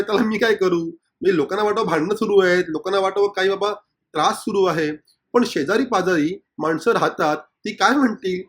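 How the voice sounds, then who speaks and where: A man's voice: high-pitched, fairly bright tone. A male teacher explaining a Marathi textbook lesson, reading passages aloud and acting out the dialogue lines.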